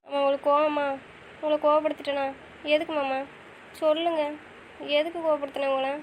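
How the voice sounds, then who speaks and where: Pleading, quick, high-voiced woman. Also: flat delivery, slight background noise, rough recording. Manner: pleading, questioning. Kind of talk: casual audio drama acting.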